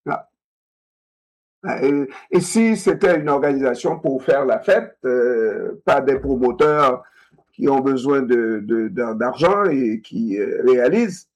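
In a discussion, a man speaks animatedly in a mid-range voice at a slightly slow pace. He repeats himself and poses rhetorical questions.

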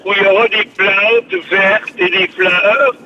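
A chatty older man with a Québécois accent and a high voice, speaking over a dull, muffled phone line. Faint hiss sits behind him, and he rambles on, often repeating his words. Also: measured pace, creaky, sharp tone. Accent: Québécois French. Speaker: radio show host on the phone. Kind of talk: casual radio chat.

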